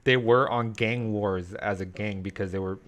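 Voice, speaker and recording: A man with a fairly low voice hosts a casual podcast interview. He talks loosely, swears freely and gets worked up easily. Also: steady tone, moderate pace, a bit bright. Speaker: podcast host.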